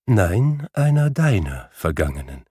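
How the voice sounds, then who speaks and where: A man voicing a gentle Christmas spirit with a soft, quiet, melodious voice. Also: fairly low pitch, very animated, measured pace, slightly rough, no echo, studio quality, full character voice. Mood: calm. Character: gentle ghost of Christmas past.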